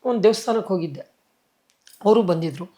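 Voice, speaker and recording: A woman's voice: mid-range voice, lively intonation, fast, warm tone. A middle-aged actress, telling her life story emotionally in an interview and acting out what others said. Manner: tearful storytelling, acts out quoted dialogue.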